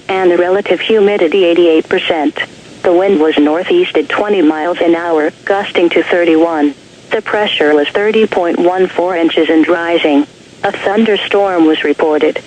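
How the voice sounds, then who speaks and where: A woman's voice: on the low side, a little mellow. A synthetic female announcer reads weather observations over radio with faint noise. Her voice is formal and impersonal, listing figures item by item in an automated way. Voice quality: synthetic text-to-speech voice. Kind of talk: scripted weather observation report. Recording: noisy weather radio broadcast.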